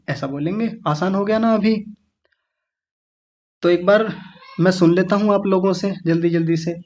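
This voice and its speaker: For his online students, a Sanskrit recitation teacher patiently sounds out words one slow syllable at a time. His voice sits high with a darkish tone, and the audio is dull.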